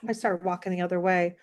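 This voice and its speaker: A woman in her sixties from the United States, telling a story as an interview guest in an animated, rambling way with many fillers. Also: on the low side. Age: 60s. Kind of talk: casual storytelling.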